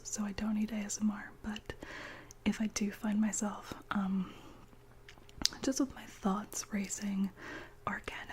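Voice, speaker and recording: A woman whispering gently as an ASMR channel host, chatting slowly with many soft pauses. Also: medium pitch.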